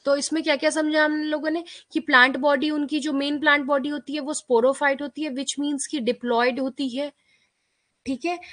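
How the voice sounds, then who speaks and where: A woman's voice: high-pitched, a bit bright, dry recording. A woman biology teacher with an Indian English accent, giving an exam-prep lecture and explaining each term, then checking in with her students. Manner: explanatory, repeats key terms, checks in with students often.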